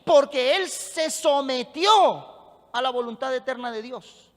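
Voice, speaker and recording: A man's voice: very high-pitched, animated, slow, in a large hall. A man preaching a sermon as pastor, emphatic and rousing, calling on the congregation to answer back.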